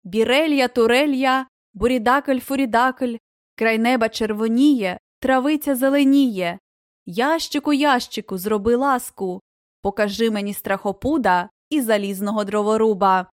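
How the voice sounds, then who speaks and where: A woman's voice: fairly high pitch, moderate pace, dry recording, studio quality, lightly acted. A woman reading aloud and voicing a tender, anxious young girl who speaks earnestly and with feeling. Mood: pleading.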